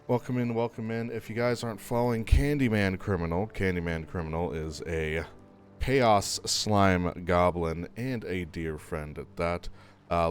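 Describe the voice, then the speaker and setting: A young adult man streaming a game, chatting casually and upbeat, laughing easily as he talks to his viewers. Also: low voice. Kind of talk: casual live game commentary.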